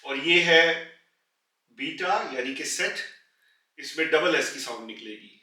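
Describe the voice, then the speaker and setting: Slow, bright-voiced male language teacher. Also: fairly high pitch, expressive, recorded from a distance. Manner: repeats each word slowly and carefully. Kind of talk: slow explanatory language lesson. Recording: echoey room, voice a little off-mic.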